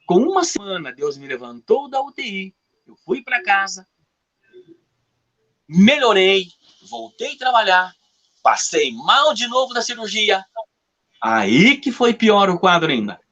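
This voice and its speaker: A man's voice: very animated, unhurried, long pauses, bright, forceful tone. A man giving a fervent, repetitive testimony as a guest in a live interview. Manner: fervent, repetitive storytelling with dramatic pitch swings.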